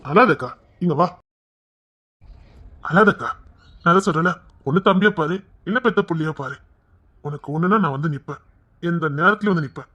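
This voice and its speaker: A man's voice: a little high, fairly quick, long pauses, dull audio. A man playing a kind, devoted young man who reassures an older woman in an audio drama. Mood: reassuring. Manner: earnest, warm-hearted, reassuring. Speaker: young husband-to-be waiting outside an exam hall.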